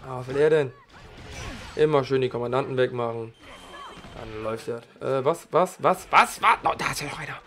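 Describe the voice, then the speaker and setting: A slightly hoarse man giving casual, slangy let's play commentary while he plays, chatting loosely between moves. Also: medium pitch, a little fast, a bit bright, soft background music. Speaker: gaming channel host.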